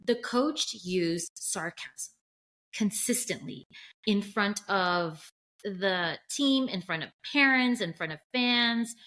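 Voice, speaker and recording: A woman's voice: mid-range voice, expressive, slow, bright, forceful tone. A middle-aged woman co-hosting a podcast, telling a family story in an earnest way. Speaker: podcast co-host. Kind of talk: casual chat.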